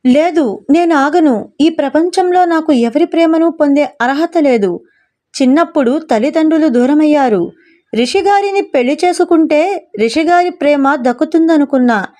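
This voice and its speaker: A woman's voice: high-pitched, normal speed, mellow, lightly acted. A woman voicing a heartbroken, self-sacrificing young woman who pleads emotionally in a storybook reading. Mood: pleading.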